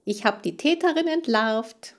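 A woman voicing a feisty, boastful male hamster detective in an audiobook, ranting loudly and eagerly. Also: on the high side, a little slow, pitched above the performer's own voice. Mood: excited shouting. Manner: ranting, animated and loud. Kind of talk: audiobook character voice.

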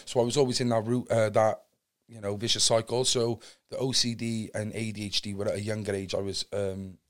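Brisk and flat in delivery, with a fairly low pitch, a man in his thirties from Cardiff tells his life story on a podcast. His Welsh Cardiff accent colors a candid, earnest account that tends to ramble.

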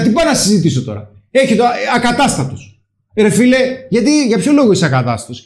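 A man hosting a talk show, speaking emphatically and loudly, with frequent swearing. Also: high voice. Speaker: podcast host. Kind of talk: animated opinion talk.

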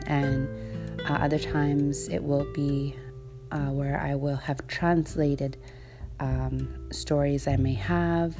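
A woman with an Inuit accent from Nunavut, raised speaking Inuktitut, talks informally as a podcast host. Her voice sits low and stays fairly flat in melody. She feels her way through sentences with hesitant pauses, while guitar music plays clearly behind her. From Iqaluit, Nunavut, Canada. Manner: hesitant, halting, thinking aloud. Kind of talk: informal solo podcast introduction.

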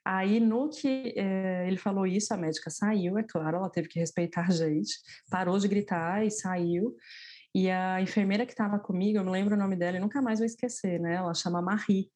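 A woman's voice: medium pitch, a little fast, warm tone. A woman as an interview guest, telling a personal story in casual chat, stressing points by repeating words.

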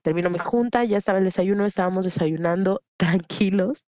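A woman from the Huasteca region of Mexico with a Mexican Spanish accent, a podcast guest telling a candid personal story in an animated way, acting out the people she quotes. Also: mid-range voice, a little fast, no echo. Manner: animated, acts out quoted voices, frequent fillers. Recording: dull lo-fi dry sound.

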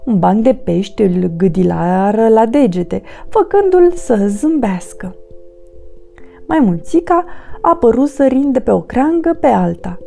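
A woman narrating a children's story, her voice rising and falling with animated expression. Her tone is mellow and a bit gravelly, slightly high for a woman. Soft music plays underneath. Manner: lively, expressive reading. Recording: faint background music.

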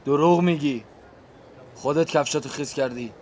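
A man's voice: fairly high pitch, darkish tone, lightly acted. A man voicing a fat, hostile policeman with a harsh, barking voice. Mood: scornful.

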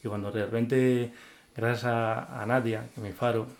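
This guest relates his faith story in an interview, heartfelt and earnest, with many restarts and repeated words. His medium-pitched voice is delivered flatly at a normal speed.

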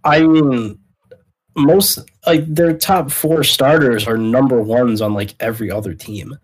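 A man's voice: medium pitch, fairly even intonation, measured pace, rough recording. A man co-hosting a casual sports podcast, arguing his opinions bluntly in loose, informal speech. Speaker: podcast co-host.

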